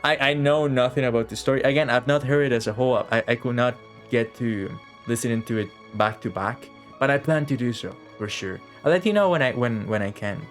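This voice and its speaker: On a game live stream, a man chats casually, rambling and repeating phrases as he thinks aloud. His medium-pitched voice is fairly quick with few pauses, and faint music plays behind.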